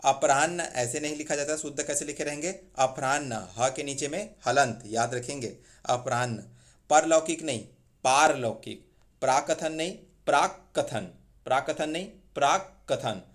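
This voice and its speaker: Chhattisgarhi-teacher drilling spellings. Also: male voice, fairly high pitch. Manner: drills words slowly, repeats wrong and right spellings. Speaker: Hindi teacher. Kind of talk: exam-prep spelling lesson.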